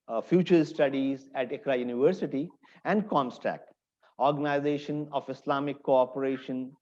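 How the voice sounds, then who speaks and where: A man's voice: mid-range voice, dark tone, highs cut off. A man hosting an interview, reading a formal introduction and asking questions with some hesitation. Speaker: interview host.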